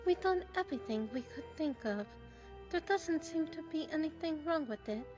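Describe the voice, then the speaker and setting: A woman playing a stern but caring older professor in an audio drama, speaking in a brisk, prim and formal way. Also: sits high, expressive, music in the background. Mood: softened, earnest. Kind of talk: fan audio drama acting.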